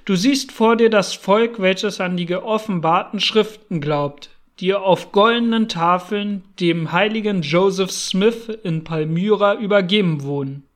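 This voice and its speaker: A man's voice: high-pitched, a little slow, hardly any pauses. A man voicing a zealous, strict young male pilgrim who speaks in a fervent, preaching tone. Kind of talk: audiobook character voice.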